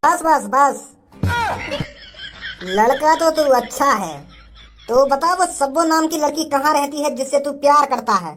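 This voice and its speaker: A woman's voice: high voice, measured pace, long pauses, a bit bright, faint music behind. A woman voicing a stern middle-aged cartoon father who scolds and bosses the young men around. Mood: bossy. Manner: scolding, bossy. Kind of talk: cartoon comedy dubbing.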